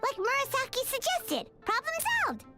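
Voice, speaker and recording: A woman voicing a small, perky, chatty, childlike fairy companion in an animated video game. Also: very high voice, moderate pace, loud music behind the voice. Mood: eager. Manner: speaks of herself in third person, exclaiming.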